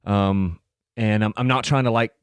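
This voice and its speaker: A man's voice: lowish voice, fairly even intonation, moderate pace, smooth, no echo. A man in his late thirties hosting a solo podcast, talking casually in a rambling way with many fillers and restarts. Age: 30s. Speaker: podcast host.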